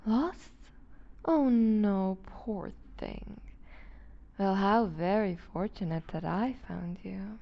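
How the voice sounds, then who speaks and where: A woman playing a seductive, predatory vampire duchess in an intimate ASMR roleplay, refined, teasing and condescending, with a breathy voice that slips toward a whisper. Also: mid-range voice, lo-fi sound. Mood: teasing, falsely kind. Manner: refined, teasing, condescending, deliberate formal diction.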